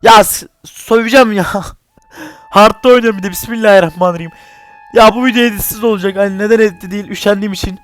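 A man's voice: sits high, fairly even intonation, racing, fairly bright tone. A young man giving casual, unedited commentary on a horror game. He talks jokily, swears and yelps whenever something frightens him. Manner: jumpy, swears and yelps when scared, joking. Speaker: gaming channel host. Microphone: desk mic, separate from game audio.

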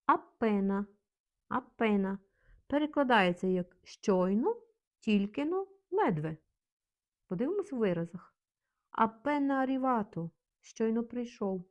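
A woman teaching vocabulary in a calm, measured way, repeating example phrases slowly. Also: mid-range voice, lo-fi sound. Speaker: language teacher.

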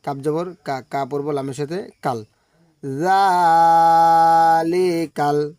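A man teaching Quran reading, spelling out each syllable and then chanting the joined words in long, drawn-out tones. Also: medium pitch, darkish tone, no room sound.

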